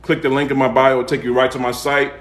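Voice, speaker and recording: A man with a Southern US accent chats casually as the host of a home cooking livestream. His voice sits at a medium pitch, and he talks in a folksy way, repeating points and checking in with little tag questions. The sound is noticeably echoey, as from a room. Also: flat delivery, fast. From United States, raised in Atlanta. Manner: folksy, repeats himself and tags phrases with "okay?" and "all right?". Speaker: home cook and seasoning seller hosting a livestream.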